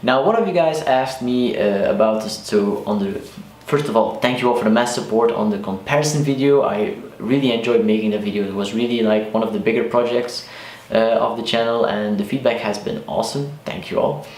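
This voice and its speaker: With a lowish, slightly mellow voice and a fairly quick pace, this twenty-something Belgian from Flanders vlogs about cars straight to camera, often saying "like" and starting over. He speaks with a Flemish accent, Dutch being his first language. The bare, sparsely furnished room of his new house gives the audio an echo.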